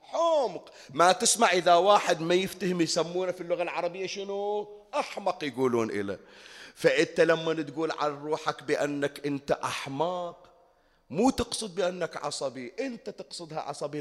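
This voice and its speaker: A man's voice: on the high side, expressive, fairly quick. A man with a Bahraini accent preaching a colloquial sermon at a mourning gathering, often putting rhetorical questions to his listeners. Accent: Bahraini Arabic. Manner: asks the audience rhetorical questions. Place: mourning hall. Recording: long hall reverb.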